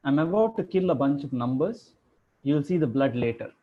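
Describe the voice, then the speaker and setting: A man's voice: fairly high pitch, animated, normal speed, phone-quality sound, slight background noise. A man teaching a class over a video call, chatty and joking as he quizzes his students. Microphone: computer microphone on a video call.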